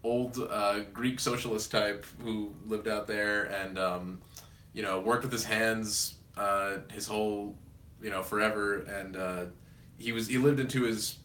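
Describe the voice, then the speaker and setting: A man's voice: fairly low pitch, fairly even intonation, measured pace, a bit bright, distant mic, a little hiss or hum. A man chatting casually as a guest, laid-back and laughing often. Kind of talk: casual chat. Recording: echoey room.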